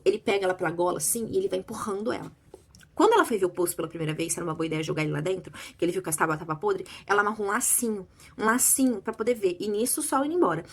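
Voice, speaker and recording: A woman with a Brazilian Portuguese accent gives a casual, spoiler-filled book review. She retells the plot breathlessly and excitedly, with sudden outbursts. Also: mid-range voice.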